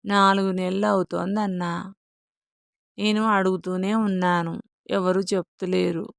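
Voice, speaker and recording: A woman's voice: medium pitch, level tone, unhurried, vocal fry, dry recording, clean studio sound. A woman voicing a naive, frightened young wife who complains innocently. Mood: plaintive.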